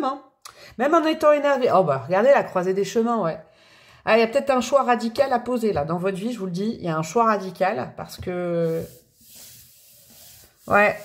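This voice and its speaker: A woman talks her viewers through a tarot reading in a loose, conversational way. She laughs often and fills her pauses with little sounds as she thinks aloud. Her voice sits at an ordinary middle pitch for a woman. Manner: chatty and expressive, laughing often, with many fillers. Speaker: tarot card reader.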